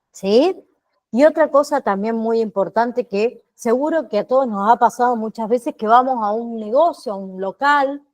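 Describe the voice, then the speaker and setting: A woman teaching an online class, speaking slowly and deliberately, pausing on fillers and often checking in with her students. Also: a little high. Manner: checks in with frequent "¿sí?" tags; slow and deliberate, with pauses and fillers.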